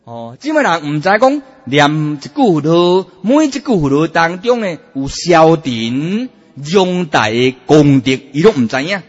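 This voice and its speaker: A man preaching a Buddhist sermon, emphatic and animated, drawing out his sentence-end particles. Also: fairly high pitch, unhurried, few pauses, breathy edge. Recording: dull, echoey hall sound.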